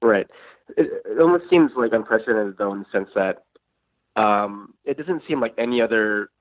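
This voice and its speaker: A man with a fairly low voice comes through as a radio show caller. His call sounds thin and tinny, like a phone line with almost no room sound. He talks casually and hesitantly, leaning on "um" and "like" as he works toward his question. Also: expressive, moderate pace, no echo. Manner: hesitant, filler-heavy phrasing with many "um" and "like". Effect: radio show caller heard over a phone line.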